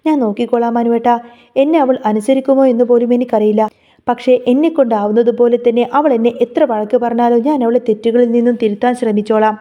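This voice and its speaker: A woman voicing a gentle, tearful young woman in a read-aloud story, speaking softly and pleading. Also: on the high side, steady tone, fast, dull audio, close to an everyday voice.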